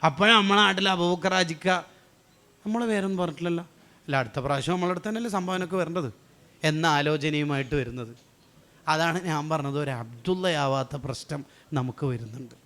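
A man preaching an Islamic sermon, asking rhetorical questions and answering them, swinging between loud urging and low intimate tones. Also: fairly quick.

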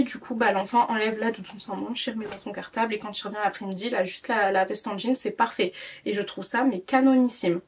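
A woman's voice: on the high side, slightly rough, distant mic. A tired woman in her twenties chatting casually through a clothing haul vlog, rambling with many fillers and restarts. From France. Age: 20s. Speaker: parenting vlogger.

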